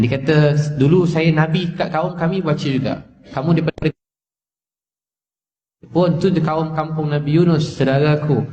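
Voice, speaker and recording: A man with a Malaysian Malay accent preaching a sermon, telling stories with passion, repeating his phrases and rising in pitch at emotional moments. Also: mellow. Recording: echoey dull lecture-hall recording.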